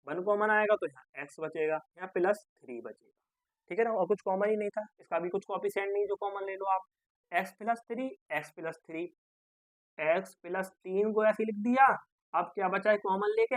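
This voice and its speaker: A man's voice: high voice, no echo. Coaxing male maths teacher, dry sound. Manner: coaxing, addresses students as dear children, asks and answers own questions. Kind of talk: step-by-step classroom explanation.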